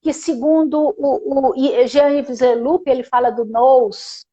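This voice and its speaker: A woman guest therapist in a casual spiritual conversation, talking softly and unhurriedly and often ending phrases with a questioning tag. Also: high voice, fairly even intonation, husky, muffled recording. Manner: soft, unhurried, tags phrases with "né?".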